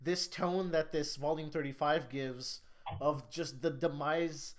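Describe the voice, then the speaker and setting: A man's voice: a little high, steady tone, slow. A man co-hosting a podcast in casual chat, eagerly steering the discussion along. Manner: enthusiastic, steers the talk. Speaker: podcast co-host.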